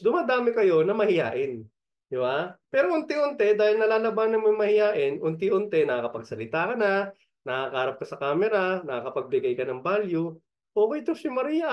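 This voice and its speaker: Upbeat Filipino man coaching, lo-fi. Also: on the high side. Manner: energetic, laughs often, repeats key points. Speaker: online business coach. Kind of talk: motivational training talk.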